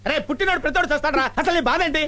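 A man's voice: very high-pitched, rapid-fire, bright, forceful tone. An actor playing a brash, cheeky man who fires back blunt retorts in a film comedy. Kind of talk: Telugu film comedy dialogue.

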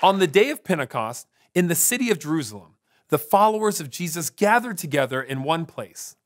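A man hosting a children's church program, telling a Bible story in an upbeat, animated way. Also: on the high side, a little fast, crowd noise, background noise. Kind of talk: storytelling for kids.

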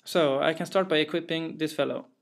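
A young game developer from Sweden narrates his gameplay a little fast, his high-leaning voice fairly even and touched with vocal fry. He speaks English with a Swedish accent, carefully and plainly, hesitating slightly and using fillers.

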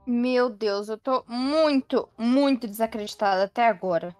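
A woman's voice: a little high, a little slow, darkish tone, no room sound, faint music behind, natural voice. A woman voicing a caring, fussy mother and aunt in a game roleplay, full of exclamations. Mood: alarmed. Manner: fussing, exclamatory. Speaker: roleplay player.

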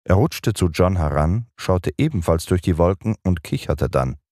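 A man narrating a children's audiobook in an expressive storytelling manner. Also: low-pitched, moderate pace, no room sound, clean studio sound.

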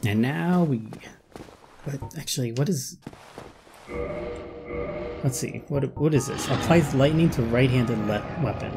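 A man gives casual commentary while gaming, talking to himself in short, muttered remarks. His mid-pitched voice has a noticeable gravelly fry. Clear background noise sits behind him. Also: a little slow, pauses often. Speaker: gamer recording a playthrough.

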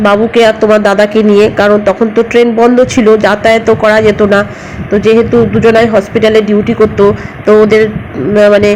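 A woman's voice: a little high, a little mellow. A middle-aged woman narrating her family vlog in a chatty, rambling way, often picking up again with filler words. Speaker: family vlogger. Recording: noisy home recording with vehicle sounds.

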